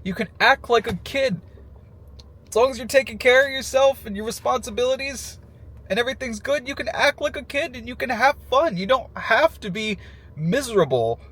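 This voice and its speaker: A man speaking casually and emotionally in a heartfelt personal tribute, halting as he goes, sad in his farewell. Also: very high-pitched, animated, fairly bright tone, husky. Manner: emotional, halting, with nervous little laughs breaking into phrases.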